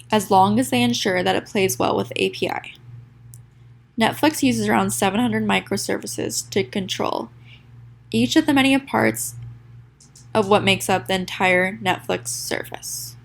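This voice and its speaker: A sick young student presents her school project, reading a prepared script in a congested, nasal, mid-range voice with a gravelly fry underneath. Now and then she stumbles on a word and starts over.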